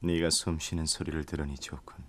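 Very deep, brooding dark lord. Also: male voice, level tone, a little fast, no room sound. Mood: stoic, tender. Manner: dark-lord delivery, low and terse. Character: brooding male demon king, proud and terse dark lord. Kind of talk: radio drama acting. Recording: music under the voice.

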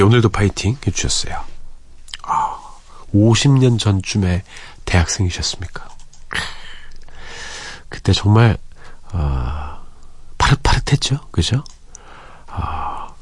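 A man in his forties with a deep, husky voice hosts a late-night radio show from a studio. He reads listener messages in an easygoing, chatty way, and his pitch moves up and down a lot as he talks. The close studio mic sounds dry, with no room echo. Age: 40s. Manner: easygoing and chatty, with soft breathy asides. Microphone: close studio microphone.

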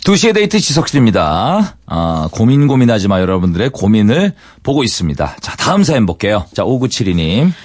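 A man's voice: lowish voice, very animated, a little mellow, dry recording. Playful male radio host. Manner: playful, teasing, quick to laugh. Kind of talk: casual studio chat. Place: radio studio.

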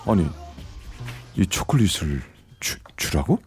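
A man's voice: low-pitched, huge pitch swings, very slow, faint music behind, exaggerated voice. An actor playing a flustered young male shop clerk who stammers, in a radio drama.

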